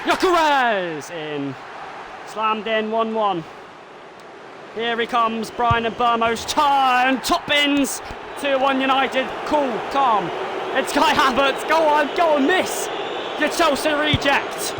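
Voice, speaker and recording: A man streaming a football video game live, calling the action like a commentator and shouting at the big moments. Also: extremely high pitch, slow pace, noisy background. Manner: mimics a football commentator and a team manager.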